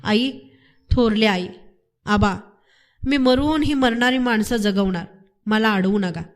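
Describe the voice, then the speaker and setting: A woman's voice: on the high side, moderate pace, natural voice. A woman reading aloud and voicing a fierce, defiant young village leader who speaks in a commanding, resolute way.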